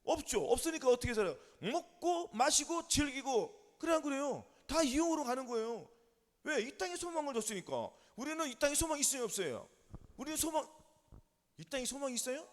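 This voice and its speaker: Delivering a sermon, a male pastor speaks quickly and with emphasis, repeating himself and firing rapid yes-or-no questions and calls of amen at his listeners. His voice is very high and lively, jumping around in pitch. The audio has the long reverb of a church hall.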